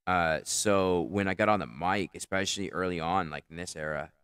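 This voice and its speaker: A man with a powerful, carrying voice casually looks back on his own comedy set, rambling, swearing and criticizing himself. His voice is low and a bit bright, at normal speed. The studio-quality recording is clean with no echo.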